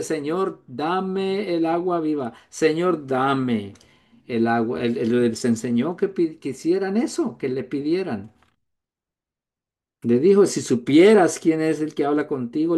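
A man preaching a sermon to a congregation, earnest, lifting his voice high on quoted prayers and softening on tender lines.

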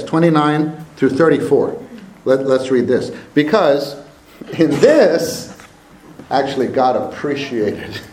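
A man preaching a sermon at a pulpit microphone, slow and emphatic, often repeating his phrases. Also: medium pitch, a little mellow. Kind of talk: sermon to a congregation. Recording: echoey hall with faint room noise.

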